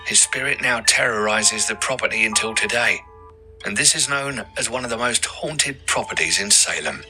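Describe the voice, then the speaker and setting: Bright, theatrical man narrating a spooky ghost tour. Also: mid-range voice. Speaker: audio walking tour guide.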